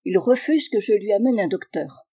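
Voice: mid-range voice, lively intonation, normal speed, dark tone, husky. Un lecteur qui fait parler une vieille logeuse inquiète, d'un ton pressant et suppliant. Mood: anxious. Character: worried elderly landlady, anxious.

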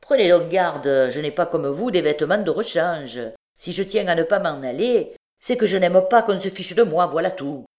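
A brazen male beggar full of mock humility and sly insolence, as a woman reading an audiobook puts him on. He sneers and needles, pushing his words out loud and low. The voice sits deep for a woman. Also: expressive, moderate pace, few pauses, close to an everyday voice. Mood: insolent.

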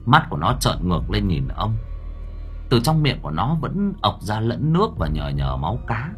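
A man's voice: lowish voice, huge pitch swings, normal speed, fairly bright tone, soft background music. A man narrating a horror story for an audiobook, with a dramatic, shifting delivery.

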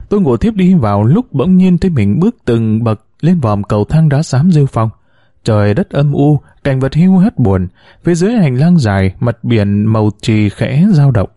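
A man reads a novel aloud with a mellow, softly rounded voice. His pitch rises and falls freely as he tells the story. The recording is dry and close, with no room sound. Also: dry recording. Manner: measured, expressive storytelling. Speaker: audiobook narrator. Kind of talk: scripted narration of a novel.

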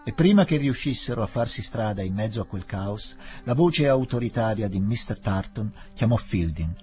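A man narrating a novel aloud in a measured, expressive storytelling manner. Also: fairly low pitch. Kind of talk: literary reading for radio.

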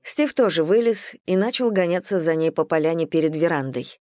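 A woman narrating a novel in an even, measured reading voice. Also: lowish voice, no room sound, studio quality. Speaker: audiobook narrator. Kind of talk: scripted narration.

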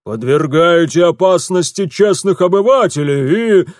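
A man voicing a burly, bearded Cossack sergeant-major with a Ukrainian accent, booming and commanding. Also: expressive, measured pace, no room sound, clean studio sound.

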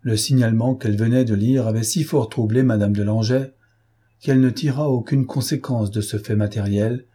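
A man reading a novel aloud as an audiobook narrator, in a measured, even storytelling manner. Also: mid-range voice, slightly rough. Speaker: audiobook reader. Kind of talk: scripted literary narration.

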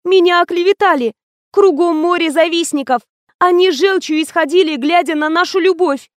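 Woman doing a high, pleading young actress. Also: lively intonation, normal speed, darkish tone, dry recording, clean studio sound. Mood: distraught. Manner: high, imploring, breathless pleas. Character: young female actress, clingy, pleading, tearful.

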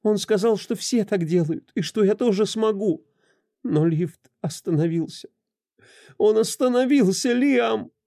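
A man's voice: a little high, slow pace, gravelly, mellow, no echo, studio quality, voice pushed up, full character voice. A man voicing a distraught woman who confesses to a killing through tears, her voice trembling. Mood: tearful. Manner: trembling, tearful pleading.

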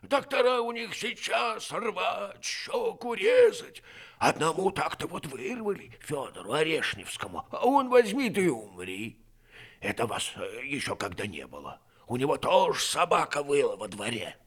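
A man voicing a decrepit, fretful old valet in an audiobook, mumbling toothlessly and breathlessly in a raspy, folksy, drawn-out way. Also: a little high, huge pitch swings, a bit bright, pitched above the performer's own voice, exaggerated voice. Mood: fretful grumbling. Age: older. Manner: drawn-out rustic grumbling and lamenting. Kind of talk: audiobook character reading.

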